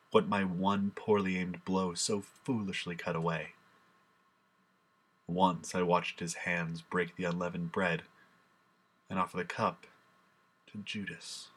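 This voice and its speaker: A man voicing a grieving, ashamed apostle in a dramatic monologue, his voice very deep and husky yet bright-edged. He recites in a solemn, impassioned way, full of remorse. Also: exaggerated voice. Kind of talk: dramatic first-person monologue.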